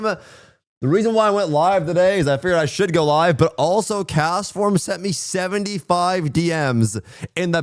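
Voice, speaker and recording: A man's voice: a little high, no echo. A worn-out, hungover man chatting casually to livestream viewers in slangy, profane, rambling, self-deprecating talk, on a close streaming microphone. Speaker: live streamer.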